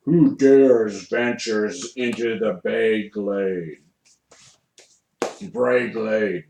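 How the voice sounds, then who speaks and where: A man voicing a gruff, menacing hobgoblin guard in a tabletop game, challenging intruders slowly. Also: fairly low pitch, a little mellow, slight background noise, heavily acted. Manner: slow, challenging delivery. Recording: roomy, echoey tabletop room.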